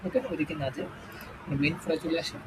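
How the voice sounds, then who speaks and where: A man's voice: a little high, fairly even intonation, fast talker, background noise. A man with a Bangladeshi Bengali accent teaching an exam-prep English lesson, explaining step by step and checking in with "okay?" after each point.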